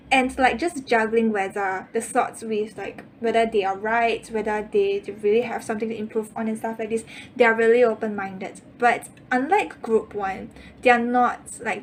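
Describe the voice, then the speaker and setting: A woman's voice: a little high, a little hiss or hum. Chatty young woman reading tarot. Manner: chatty, repeats herself, many fillers. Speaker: tarot reader.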